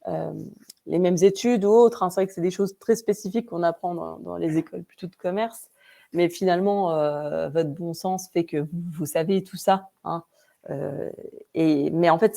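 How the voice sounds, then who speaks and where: Presenting an online training webinar, this Vosges-accented woman speaks with a warm, creaky, lowish voice at a moderate pace and a steady tone. Her delivery is casual, with lots of fillers, restarts and chatty asides.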